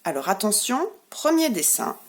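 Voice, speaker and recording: A woman with a French accent, a preschool teacher giving a remote lesson to young children, speaking slowly and clearly with encouragement. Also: mid-range voice, big pitch swings. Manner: slow, clearly articulated, encouraging.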